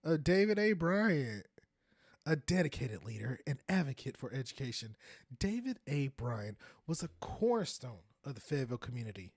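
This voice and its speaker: A podcast host in his thirties chats casually and animatedly while browsing and reading aloud, laughing often. His mid-range voice has a sing-song lilt at a normal pace, in a dry, clean studio recording.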